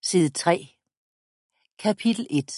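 A woman reading a children's book aloud, calm and measured, announcing page numbers. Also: fairly low pitch, breathy edge, no room sound, clean studio sound. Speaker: audiobook reader.

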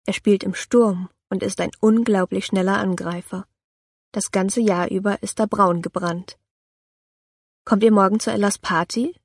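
A woman narrating an audiobook in the first person, with calm, even storytelling. Her voice sits in a medium register. The recording is dry and close, with no room sound. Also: medium pitch, no echo.

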